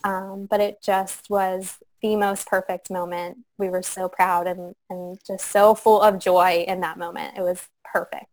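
A young woman guest on a podcast interview, speaking softly and reflectively with frequent pauses and fillers. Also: medium pitch, flat delivery, low-quality recording. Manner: soft, reflective, many fillers. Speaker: guest sharing her story. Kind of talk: conversational interview.

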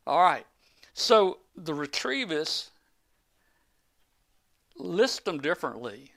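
A man's voice: a little high, sing-song, takes it slowly, vocal fry, a bit bright. A man chatting live on a ham radio show, rambling through technical explanations with many restarts. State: out of breath. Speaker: guest ham radio operator. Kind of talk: casual live show chat.

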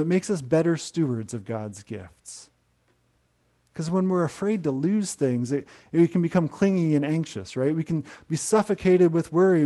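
A middle-aged man preaching a sermon to an online congregation, gentle and conversational, often restarting his phrases. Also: high-pitched. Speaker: pastor.

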